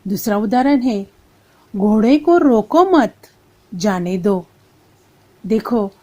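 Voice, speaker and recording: A woman teacher giving a Hindi grammar lesson to school students, patiently restating each point. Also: on the high side. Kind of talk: slow explanatory classroom lesson.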